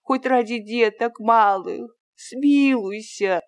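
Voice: medium pitch, voice pushed up, lightly acted. A reader doing a begging peasant man. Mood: pleading. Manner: slow, pleading, drawn-out. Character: poor pleading male peasant, timid and desperate. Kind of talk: audiobook character reading.

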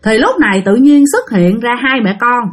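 A woman's voice: a little high, big pitch swings, normal speed. A woman telling a spooky story in a casual, chatty way, speaking straight to her listeners. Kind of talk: casual spoken ghost story.

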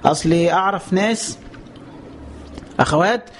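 A man with an Egyptian Arabic accent giving a colloquial religious lesson. He fires off rhetorical questions, lets out drawn-out exclamations, and slows right down to recite scripture. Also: high-pitched, slight background noise. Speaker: preacher.

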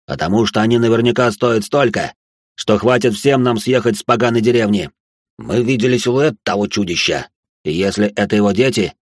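A gruff, hostile poacher with a husky, slightly raised voice, as the storyteller puts him on. He barks orders and threats in a dry, close recording. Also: lowish voice, a little fast, no room sound, close to an everyday voice. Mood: greedy. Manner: barking and threatening. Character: gruff armed male village poacher, hostile.

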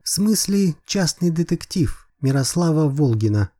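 A man's voice: a little high, big pitch swings, measured pace, mellow, pitched above the performer's own voice. A man reading an audiobook, voicing a playful, ironic young woman private detective in a raised voice. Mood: cool. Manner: teasing, ironic.

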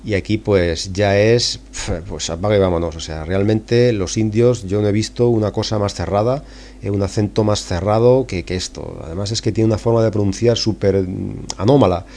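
A middle-aged Spanish man hosts a language podcast in a relaxed, chatty way. His voice sits a little low and sounds dark and mellow. He wanders between points, dotting his speech with fillers and tag questions. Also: moderate pace, a little hiss or hum. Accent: Spanish, from Spain. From Spain. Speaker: podcast host and English teacher. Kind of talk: casual spoken lesson.

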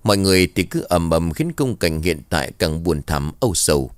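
A very deep-voiced man tells a somber story in a steady, even way at a brisk pace. The recording is close and dry, with no echo or room sound.

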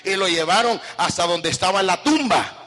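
High-voiced fervent man preaching in an echoing church. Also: animated, moderate pace, bright, forceful tone. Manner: fervent preaching with call-and-response questions to the congregation. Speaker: pastor. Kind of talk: sermon. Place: church hall. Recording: echoey church hall with long reverb.

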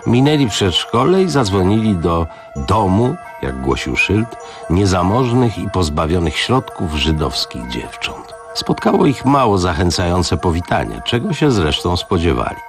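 A man narrates a radio audiobook with a deep, gravelly voice. His delivery is expressive and swings widely in pitch, with faint music underneath. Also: unhurried.

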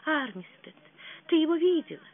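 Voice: high voice, big pitch swings, normal speed, voice pushed up. Perdita, a reader voicing a swooning young actress. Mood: rapturous. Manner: rapturous, eager exclamations. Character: young lovestruck woman actress, gushing. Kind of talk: audiobook reading. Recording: tinny phone-like sound.

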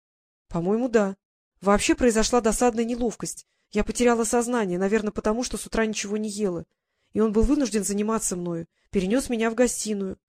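A woman's voice: mid-range voice, fast, darkish tone, dry recording, studio quality, lightly acted. A woman reading as a shy, pleading young woman. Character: timid, earnest young woman, the niece. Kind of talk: audiobook character reading.

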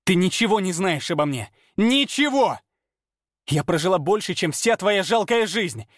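Guy doing an angry old werewolf lady, high shrill shouting, super scornful. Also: brisk, dry recording, studio quality. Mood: enraged. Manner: scornful and explosive. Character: furious centuries-old female werewolf.

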